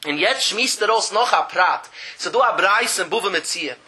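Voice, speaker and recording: A man with a high, piercing voice leads a traditional study-hall lesson. He chants in a sing-song cadence and stretches out key phrases. He slips into the voices of the people who argue over a debt. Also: animated, normal speed, pushed and bright. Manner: acts out the disputing parties in quoted voices. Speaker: Talmud teacher.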